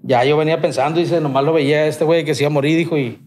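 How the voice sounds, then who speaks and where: A man's voice: on the high side, fairly even intonation, racing, a little mellow, slight background noise. A man with a Sinaloan accent, a podcast guest telling a long personal story in rambling, slang-heavy, swearing speech. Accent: Sinaloan Mexican Spanish. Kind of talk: casual storytelling.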